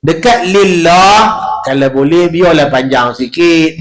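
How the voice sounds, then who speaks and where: A man with a Malaysian Malay accent teaching prayer recitation at a village prayer hall, drawing out Arabic phrases slowly and stressing each sound. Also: a little high, a bit bright. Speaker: religious teacher.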